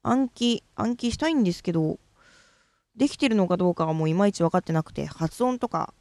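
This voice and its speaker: A woman's voice: fairly low pitch, animated, fairly quick, darkish tone, no room sound. A young woman from Fukuoka with a Fukuoka accent, hosting a casual solo chat and talking about her tongue-twister practice in a chatty, self-deprecating way. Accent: Fukuoka Japanese. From Fukuoka, Japan. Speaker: host.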